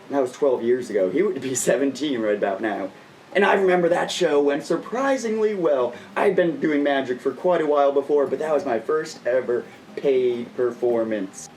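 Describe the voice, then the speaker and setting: A man's voice: mid-range voice, a little mellow, distant mic, slight background noise, rough recording. A man in his late twenties talking to camera like a kids' party magician, with playful, exaggerated showmanship. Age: late 20s. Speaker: magician and video host.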